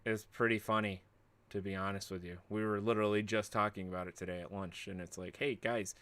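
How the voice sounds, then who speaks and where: A man's voice: lowish voice, fairly even intonation, brisk, a bit bright, smooth. A man hosting a livestream, chatting casually in rambling, joking rants. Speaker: livestream host.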